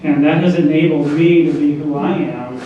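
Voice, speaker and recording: An older man giving a memorial tribute to his mother, speaking haltingly with pauses and fillers. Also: a little high, steady tone, slight background noise. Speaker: son giving a eulogy. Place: large echoing hall. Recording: echoey lo-fi hall recording from far off.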